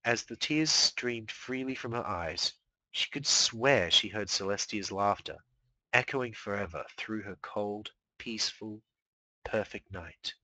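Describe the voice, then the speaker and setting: A man reading fan fiction aloud live in an expressive storytelling manner. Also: lowish voice, unhurried, no echo, rough recording. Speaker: fanfiction reader.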